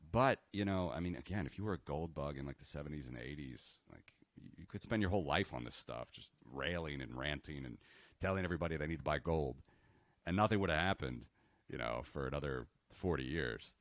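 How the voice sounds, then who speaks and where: A man's voice: rumbling low, expressive, a little fast, no room sound. An American man co-hosting a podcast, talking in a casual, rambling way with many fillers and restarts. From United States. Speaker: podcast co-host. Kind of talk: casual chat.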